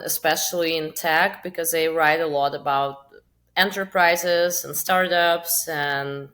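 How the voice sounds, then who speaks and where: A woman's voice: sits low, fairly bright tone. A woman in her late twenties or thirties with a Russian accent, chatting as an interview guest and filling her talk with "like" and "um". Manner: chatty, many fillers like "like" and "um". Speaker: guest, crypto marketing founder.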